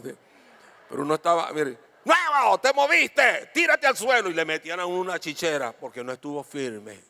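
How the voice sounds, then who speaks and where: Pastor preaching in a bright voice. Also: male voice, on the high side, gravelly. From Venezuela. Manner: lively storytelling with questions to the congregation. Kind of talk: sermon. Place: church auditorium. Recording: long hall reverb.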